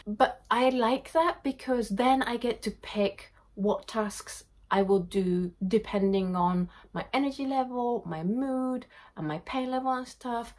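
Speaking to a camera set in front of her at desk distance, this woman in her thirties, born in Japan, reads viewer questions aloud in her home art studio and then answers each candidly and casually. Her voice sits in the mid-range and has a slightly mellow quality.

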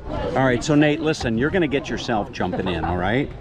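A man's voice: medium pitch, animated, brisk. A middle-aged man chatting casually in a rambling way, full of fillers and restarts, for his vlog outdoors on a beach jetty. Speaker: vlogger. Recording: outdoor recording with noise.

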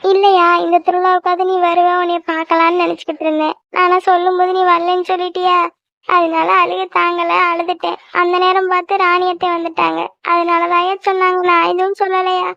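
A tender mother who misses her son, played by a woman, speaks softly and emotionally in a very high cartoon voice. The sound is close and dry, with a slightly dull, lo-fi tone. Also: little pitch movement, a little fast, dry recording. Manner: soft, emotional. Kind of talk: cartoon voice acting.

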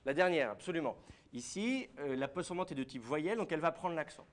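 A man's voice: on the high side, expressive, brisk. Man teaching a class. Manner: explains step by step, asks the class questions. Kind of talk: classroom lecture.

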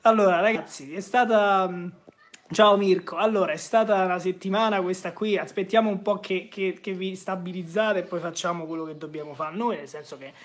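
Chatty high-voiced streamer, slightly hoarse. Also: male voice, fairly even intonation, a little fast. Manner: chatty, greets viewers by name, reads chat questions aloud. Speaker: YouTube live streamer. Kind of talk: casual live-stream chat about football.

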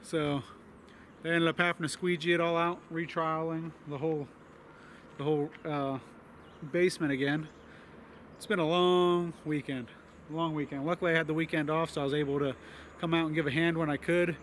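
Holding a camera outdoors, a homesteading vlogger narrates a laid-back tour of his building site in a slightly higher voice. His tone is matter-of-fact, broken by filler pauses, with faint ambience and a slight hiss or hum in the background.

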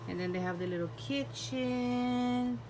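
On a noisy phone recording made in her bedroom, a young mother with a higher-pitched voice slowly shows viewers a new toy. As a toy review vlogger, she chats casually, narrates each piece and plays along with her daughter.

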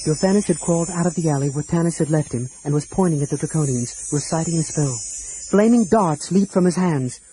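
A man narrating a fantasy audiobook, shifting between shouted lines and hushed whispers for the characters. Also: fairly high pitch, a little fast, a little hiss or hum, low-quality recording. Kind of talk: dramatic audiobook reading.

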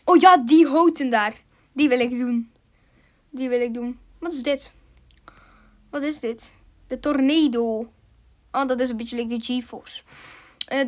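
A woman doing chatty, giggly commentary as she plays a video game, mixing in English slang. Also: sits high. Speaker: gaming YouTuber.

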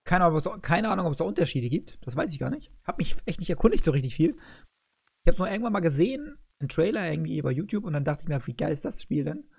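A man's voice: a little high, very animated, fast, gravelly, breathy edge. A man casually commenting as he starts a video game, musing aloud and chatty. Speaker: let's play host.

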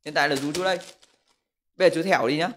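Guy in his 20s, slightly high voice, crude jokey livestream chat at home on a desk mic. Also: racing, a bit bright, a little hiss or hum. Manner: joking and crude, reading viewer comments aloud. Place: room at home. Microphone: desk microphone.

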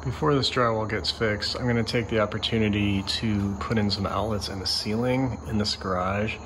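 A man casually narrating his own home renovation, relaxed and rambling with frequent ums. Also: lowish voice, normal speed, very noisy. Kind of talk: casual narration over DIY footage. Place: garage under renovation.

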